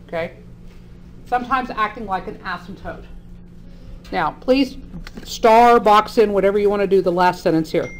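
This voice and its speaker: A woman's voice: medium pitch, moderate pace, pauses often, a little hiss or hum. A woman math teacher giving a classroom lecture, explaining step by step and often checking in with the class.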